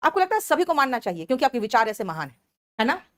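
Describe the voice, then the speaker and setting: Woman exam-prep teacher, Indian English accent, slightly high pitch, patient and explanatory. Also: very animated. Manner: explains each word slowly, checks in with students often. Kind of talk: exam-prep vocabulary lesson.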